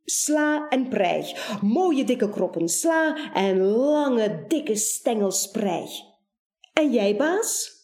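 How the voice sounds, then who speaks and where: Woman voicing Buur, a high, exclaiming neighbor. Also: sing-song, extremely slow, darkish tone, full character voice. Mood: proud. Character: curious, chatty neighbor who grows vegetables.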